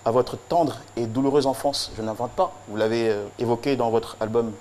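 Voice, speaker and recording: A man's voice: medium pitch, steady tone, normal speed, darkish tone, a little hiss or hum. Solemn declaiming man. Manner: solemn, rhythmic, with emphatic repetition. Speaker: tribute presenter. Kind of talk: declamatory tribute speech.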